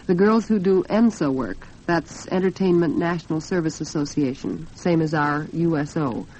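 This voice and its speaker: Her voice is low-leaning and mellow as this American woman hosts a 1940s radio talk show for women, giving commentary and a sponsor read in a polished, earnest, articulate way. The recording is dull, lo-fi 1940s radio with slight background noise.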